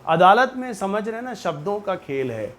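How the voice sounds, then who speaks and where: A man's voice: high voice, very animated, normal speed, a bit bright. A man teaching a maths class, teasing and joking with his students. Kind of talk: classroom lecture.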